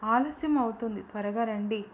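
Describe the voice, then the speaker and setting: A woman's voice: fairly high pitch, moderate pace, a little hiss or hum, close to an everyday voice. A woman reading the lines of a new stepmother who answers briefly and curtly. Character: curt new stepmother, cool adult woman.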